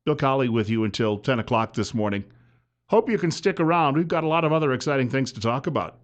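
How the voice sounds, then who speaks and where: A man hosting live talk radio with a smooth radio host delivery, running through breaks, station plugs and caller introductions. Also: mid-range voice, animated, fast talker.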